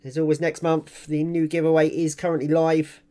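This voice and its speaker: A man with a slightly high voice hosts a casual online giveaway announcement. He commentates on the draw as it goes, informal and chatty. He addresses winners and viewers directly, like a channel owner talking to regulars. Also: monotone, moderate pace, mellow.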